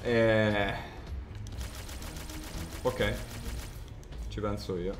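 A man giving casual, excitable gameplay commentary, swearing and talking to his viewers. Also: on the low side, extremely slow. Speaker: video game player commentating. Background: game music.

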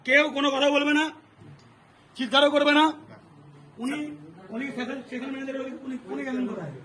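A man leading a heated protest, shouting orders and repeating them over and over in a crowded station hall. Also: very high voice, fairly even intonation, normal speed. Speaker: protest leader. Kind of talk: heated confrontation. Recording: crowd noise behind.

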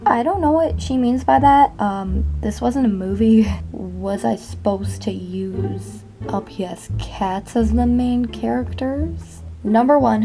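A woman reading online comments aloud in a casual vlog, adding sarcastic, dry retorts. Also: mid-range voice. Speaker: video creator and host. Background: music.

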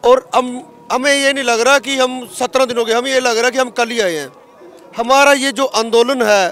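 This is a man in his thirties from Haryana, India, a protesting farmer with a Haryanvi accent giving an emphatic, argumentative street interview on politics. His pitch is extremely high and fairly bright, captured on a handheld interview mic outdoors at a roadside protest camp.

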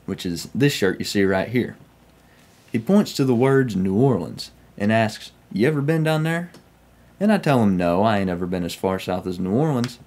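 A young man from Oklahoma, United States, talks in a fairly low, darkish voice with a Southern US accent. He's a railfan vlogger casually sharing his own train stories in a folksy way from a small room at home.

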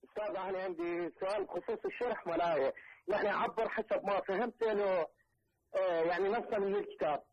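Male student caller, rapid, hesitant, slightly high, tinny phone line. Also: crowd noise. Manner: hesitant, asks questions. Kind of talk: phone call to a TV lesson.

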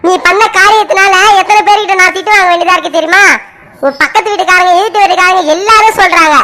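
A woman's voice: very high voice, slight background noise. A woman playing a strict middle-aged mother who scolds her daughter sharply in an amateur family drama. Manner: sharp, scolding, repeated "ஆ?" demands.

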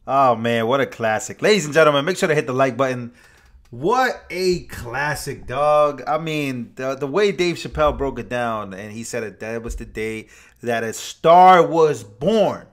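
A man hosting a reaction video in casual commentary, excitable and slangy, swinging between loud bursts and quiet asides. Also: medium pitch, normal speed.

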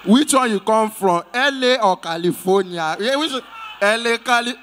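A man's voice: high-pitched, animated, normal speed, a bit bright, a little hiss or hum. A man with a Nigerian Pidgin accent doing live stand-up crowd work at an event, teasing audience members playfully. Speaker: comedian host at an event.

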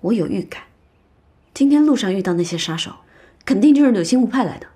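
A young actress playing a spirited, outspoken young woman who talks briskly and teases in a period TV drama. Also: medium pitch, natural voice. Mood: lively. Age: young adult. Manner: brisk, lively and teasing. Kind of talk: dubbed TV drama dialogue.

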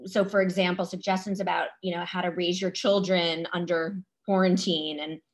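A woman hosts a conversation over a video call, her voice a little low. She listens supportively and responds with steady "yeah"s before sharing her own thoughts. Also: normal speed. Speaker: host and clinical director.

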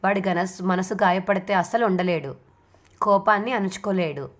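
A woman reading the part of a kind elderly grandmother who gently soothes and coaxes her family. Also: mid-range voice, moderate pace, natural voice. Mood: soothing.

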